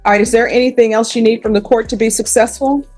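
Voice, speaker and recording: A woman's voice: fairly high pitch, fairly even intonation, fast talker, a little mellow, soft background music. A woman judge presiding over a hearing, heard in a courtroom recording, speaking firmly and going step by step through the procedure. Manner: firm, procedural, speaks directly to the defendant.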